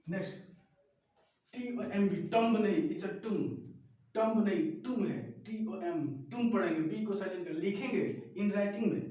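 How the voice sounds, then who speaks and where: A man's voice: sits high, normal speed, warm tone. A man teaching English words. He drills by repeating, asks questions and answers them himself. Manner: repetitive call-and-response drilling, asks then answers himself. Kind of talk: classroom-style spoken lesson. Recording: echoey room, far from the mic.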